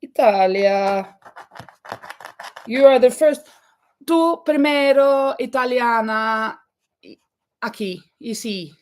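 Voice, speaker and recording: Speaking slowly with long pauses, this woman has a slightly high voice. She's from Norway, a native Norwegian speaker, hosting a relaxed crochet livestream in her home craft room where she reads out comments from viewers, counts her stitches aloud and laughs easily.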